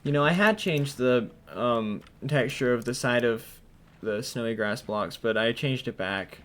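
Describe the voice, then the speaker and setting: A man's voice: mid-range voice, unhurried, a bit bright. A man giving casual gameplay commentary at home, rambling with many fillers and restarts. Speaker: gaming commentator. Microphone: headset or desk mic while wearing headphones.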